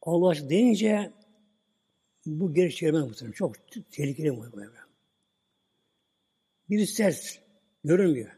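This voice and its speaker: Husky-voiced preacher in a reverberant hall. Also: male voice, on the high side, moderate pace, long pauses. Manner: relaxed retelling, "böyle" at line ends. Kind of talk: religious talk with storytelling.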